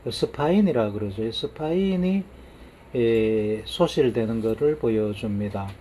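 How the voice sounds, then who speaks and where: Man, mid-pitched, mellow and unhurried, lecturing from his slides. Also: slight background noise. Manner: unhurried, frequent affirming "yes" and trailing asides while pointing at slides. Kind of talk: lecture on brain science.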